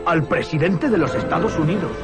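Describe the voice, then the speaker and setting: A man's voice: a little high, lively intonation, brisk, close to an everyday voice. An actor playing a simple, good-hearted, earnest man with a naive, plain-spoken manner in a dubbed film. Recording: film trailer with loud music.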